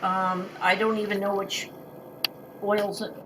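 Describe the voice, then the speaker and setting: A woman's voice: medium pitch, level tone, slow, noisy background. A woman chatting casually through a home kitchen demonstration, loose and trailing off mid-sentence. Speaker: host of a food demo video.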